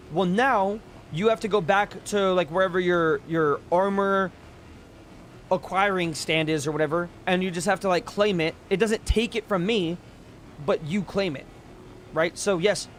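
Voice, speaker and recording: High-voiced male game streamer ranting. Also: a little hiss or hum. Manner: ranting, emphatic, swears freely. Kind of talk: casual live-stream commentary.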